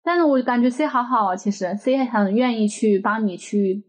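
Woman, podcast co-host, fairly high voice, brief supportive replies. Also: moderate pace. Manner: short supportive replies and teasing. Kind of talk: casual chat.

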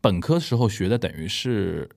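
A man hosting a casual interview, inquisitive and animated, often repeating answers back as he asks questions. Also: fairly low pitch, normal speed, creaky. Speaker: interview host.

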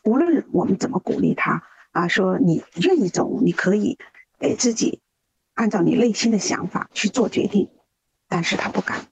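Husky-voiced woman telling a case earnestly. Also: mid-range voice, lively intonation, normal speed, low-quality recording. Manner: earnest, hesitant, many fillers. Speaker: rescue volunteer guest. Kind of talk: podcast interview storytelling.

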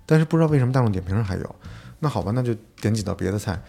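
Low gravelly-voiced man telling a story. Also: very fast, soft background music. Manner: animated storytelling, acting out an argument with restaurant staff. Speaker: podcast co-host. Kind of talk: casual storytelling chat.

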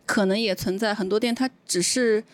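A woman chatting casually on a podcast, telling stories in a quick, chatty way. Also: mid-range voice, steady tone, no room sound. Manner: fast, chatty storytelling. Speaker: podcast co-host.

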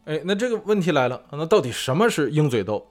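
Guy hosting a food show, very lively up and down voice, chatty with lots of fillers, bit of music under it. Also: on the high side, fast. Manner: chatty, many fillers and rhetorical asides. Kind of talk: casual explainer monologue. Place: lives in California.

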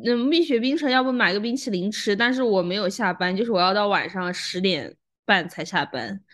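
A woman co-hosting a casual chat podcast, laughing often and talking in halting bits with restarts. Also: medium pitch, expressive, a bit bright. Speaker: podcast co-host.

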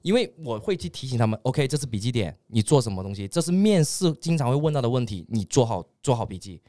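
A man's voice: mid-range voice, big pitch swings, mellow, dry recording, clean studio sound. A young man, a guest teacher on a podcast, earnestly recounting his experience in casual chat. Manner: earnest, emphatic, quick recounting.

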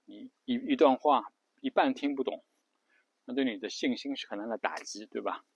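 A man's voice: medium pitch, normal speed, husky. A man hosting an English-learning channel, explaining a study method in a casual spoken lesson, hesitant and full of restarts and fillers. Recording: muffled, lo-fi dry recording.

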